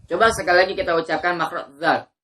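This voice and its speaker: A woman teaching Quran reading, patiently drilling letter sounds and reciting verses slowly and drawn out. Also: fairly low pitch, fairly even intonation, a bit bright, a little hiss or hum. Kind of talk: teaching letter pronunciation to learners.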